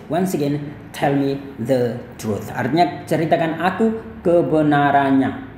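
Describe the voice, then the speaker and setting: A man's voice: fairly high pitch, a little mellow, reverberant, a little hiss or hum. A man from Indonesia teaching English pronunciation, explaining patiently and repeating each word several times. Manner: explains slowly, repeats words many times with "ya". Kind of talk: pronunciation lesson.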